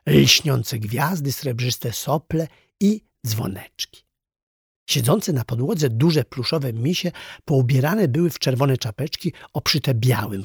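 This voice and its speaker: A children's audiobook narrator reads at an unhurried pace, with pitch rising and falling through every sentence. The voice is very husky and gravelly. The recording is close and dry, with no room sound. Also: no echo. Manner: slow, lively storytelling.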